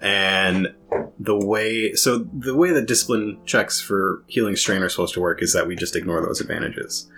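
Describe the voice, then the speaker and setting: A man acting as game master, narrating the scene and explaining the rules in a measured, easygoing way. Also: on the low side, fairly bright tone.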